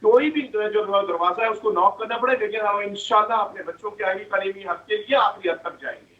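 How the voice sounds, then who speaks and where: A man, speaking insistently as an interview guest on a remote line. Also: sits high. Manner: insistent, speech-like. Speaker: school association guest. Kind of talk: phone-in interview. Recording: distant lo-fi echoey line.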